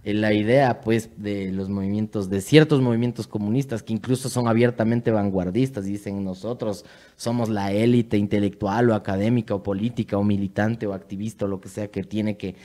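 A man's voice: lowish voice, steady tone, a little fast, warm tone. A man with an Ecuadorian Spanish accent co-hosting a podcast, reading numbered points and then commenting loosely. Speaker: podcast co-host. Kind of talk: casual discussion, reading points aloud.

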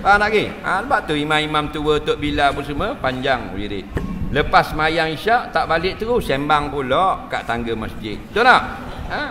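A man's voice: fairly high pitch, big pitch swings, normal speed, sharp tone. A man giving a humorous religious lecture in a mosque, often checking whether listeners understand. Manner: jokey, keeps asking the crowd if they understand. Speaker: Islamic religious teacher. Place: large mosque hall. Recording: reverberant mosque hall, faint noise.

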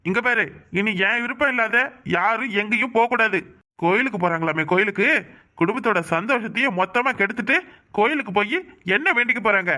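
Man doing a gruff cartoon village husband, high, bright voice. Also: a little fast. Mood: angry. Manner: gruff, scolding, then troubled. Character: stern worried village husband, middle-aged farmer. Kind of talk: cartoon voice acting.

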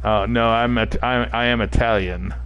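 A New England man streams himself playing a shooter, rambling casually and reading his viewers' chat out loud. His mid-range voice is smooth with fairly even intonation and a moderate pace, though the recording cuts off the highs.

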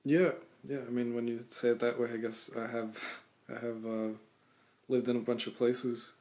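A man in his thirties, born in Cuba, answering interview questions thoughtfully over a video call from a small room at home, with frequent pauses and restarts. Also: medium pitch, level tone, darkish tone. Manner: thoughtful, halting, many restarts and fillers. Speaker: guest musician. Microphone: webcam on video call.

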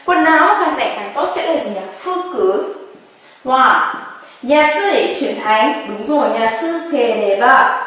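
High-voiced woman teaching in an echoey room. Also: animated, a bit bright, recorded from a distance. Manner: drills words slowly, asks the class questions often. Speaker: Japanese language teacher. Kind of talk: grammar lesson.

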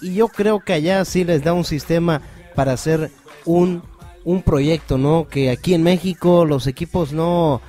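A man's voice: a little high, measured pace, warm tone, soft background music. A man with a Mexican accent hosting a baseball talk show, chatty and joking as he moderates the panel. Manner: chatty, joking, wraps up the segment. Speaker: show host. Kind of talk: casual sports talk.

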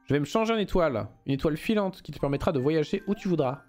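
A man voicing a small, gentle star creature that reassures a crying child in a game's storybook. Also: on the high side, expressive, fast talker, soft background music, natural voice. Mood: tender. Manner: soft, reassuring.

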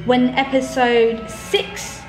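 A young actress, chatting casually in an interview and filling her talk with "um" and "like." Her voice sits a little high, in a roomy space with music playing clearly underneath. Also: little pitch movement, slow pace. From born in Zambia, raised in Northwest London. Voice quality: chatty, lots of fillers like um and like.

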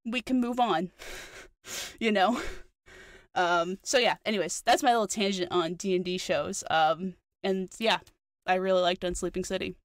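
A woman's voice: fairly low pitch, steady tone, moderate pace, dry recording, clean studio sound. A woman with a New Zealand accent co-hosting a podcast, chatting eagerly with lots of fillers. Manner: chatty, enthusiastic, many fillers. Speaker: podcast co-host. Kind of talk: casual chat.

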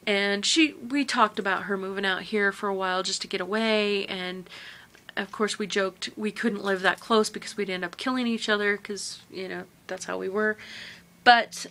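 A woman vlogger telling a personal memory to camera, halting and emotional, often trailing off quietly. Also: mid-range voice, fairly even intonation.

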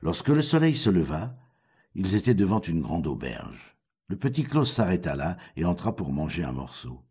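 A deep-voiced man reading a fairy tale, his intonation lively and full of turns. The voice is quite husky. He tells the story with expressive flair. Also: normal speed. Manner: expressive, animated voice changes.

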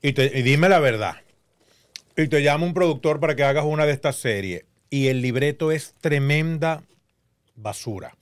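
A man's voice: on the high side, normal speed. A man hosting an interview, talking casually and pressing his guest with blunt, challenging questions. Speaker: host.

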